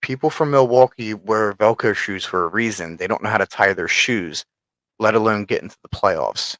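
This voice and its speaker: A man's voice: on the low side, normal speed, no room sound, low-quality recording. A man co-hosting a sports podcast, bantering casually and swearing a lot as he jokes. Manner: profane, joking, loud bursts of laughter. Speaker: podcast co-host.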